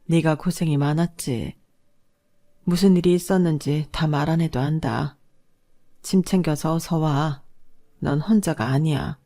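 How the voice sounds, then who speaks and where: A woman voicing a caring older mother who speaks calmly and reassuringly. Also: low-pitched, unhurried, pauses often. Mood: gentle. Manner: calm, reassuring.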